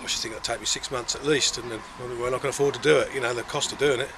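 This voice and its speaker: A man's voice: mid-range voice, fairly even intonation, racing. A male farmer, giving a plain-spoken, rambling and matter-of-fact eyewitness interview. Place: outdoors in a farmyard. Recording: outdoor background noise, vehicle sounds.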